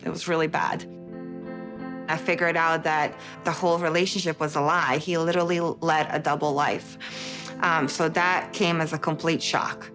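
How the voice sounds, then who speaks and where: Candid giggly woman from Bosnia. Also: on the low side. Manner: giggly, candid, animated storytelling. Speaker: reality show cast member. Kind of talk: confessional interview.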